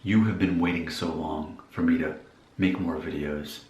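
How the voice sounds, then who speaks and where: A man's voice: deep voice, fairly even intonation, moderate pace, darkish tone, reverberant, dull audio. A man in his forties thinking aloud to viewers in a casual, musing vlog monologue. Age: 40s. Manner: musing, self-questioning. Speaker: vlogger.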